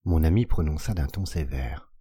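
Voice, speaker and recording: A man giving a measured, expressive scripted narration of a classic tale for an audiobook, recorded on a close mic. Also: rumbling low, slightly rough, no echo. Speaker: audiobook reader.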